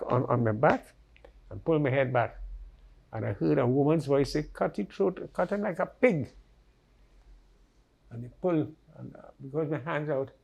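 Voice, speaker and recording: Man, gravelly, dark and mellow, vivid storytelling, interview testimony. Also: on the high side, dull audio. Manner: vivid storyteller, acts out the voices he quotes.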